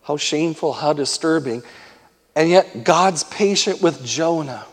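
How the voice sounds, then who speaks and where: A man's voice: on the high side, lively intonation, a little slow. A male pastor preaching a sermon emphatically, pressing his listeners with rhetorical questions. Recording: long hall reverb.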